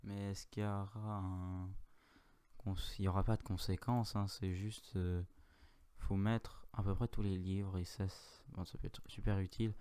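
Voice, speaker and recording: This Minecraft YouTuber, a French-accented man, rambles casually through a tutorial, fixing his own slips and chatting in asides. His low-pitched voice is warm and smooth with flat delivery at a moderate pace, there's no echo, and mouse and keyboard clicks can be heard.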